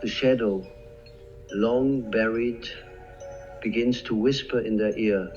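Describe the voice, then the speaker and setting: Over faint, soft background music, a man delivers scripted narration slowly and solemnly, leaving long, measured pauses between phrases. His voice is fairly low in pitch yet middle-register, steady in tone, and sounds slightly dull and lo-fi.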